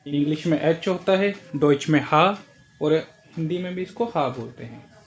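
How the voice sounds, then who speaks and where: A man's voice: on the high side, expressive, moderate pace, lo-fi sound, a little hiss or hum. A man teaching German pronunciation in Hindi, explaining letter by letter and repeating each example word several times. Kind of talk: language lesson explaining pronunciation.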